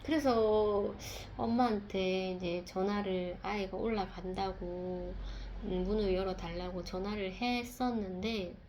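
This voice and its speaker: Woman, conversational testimony, mid-pitched, soft and reflective, faint background hiss. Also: steady tone. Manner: soft-spoken and reflective, with pauses and fillers. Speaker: speaker sharing a personal testimony. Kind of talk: casual testimony talk.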